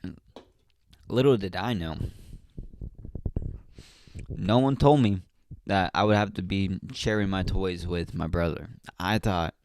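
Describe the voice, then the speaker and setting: Podcast host, male, very low smooth voice, rambling slangy storyteller, dry close sound. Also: a little mellow, no echo. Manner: rambling, slangy, lots of fillers. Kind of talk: casual storytelling.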